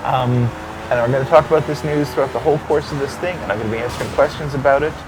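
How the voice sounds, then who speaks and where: A man hosts a casual game livestream, laying out an upcoming update point by point. He sounds upbeat and at ease. There is a clear hum of air conditioning behind him. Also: mid-range voice, rapid-fire. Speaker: game developer hosting a livestream. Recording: background hum and noise.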